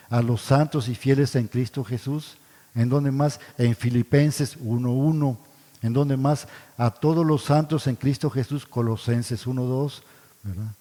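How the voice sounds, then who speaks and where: Male Bible study teacher, darker mellow tone, rhetorical questions he answers himself, church hall with a long echo. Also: medium pitch. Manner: asks the congregation questions and answers them himself; addresses listeners as brothers, frequent tag questions.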